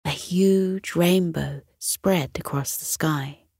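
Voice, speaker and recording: In a deep voice, a woman narrates a children's bedtime story in a soothing, deliberate, and expressive way. The recording is studio quality with no room sound.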